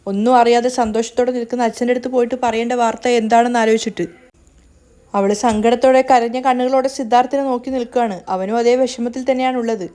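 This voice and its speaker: A woman's voice: a little high, dark tone. Chatty woman retelling a serial episode. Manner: conversational with small self-corrections. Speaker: narrator.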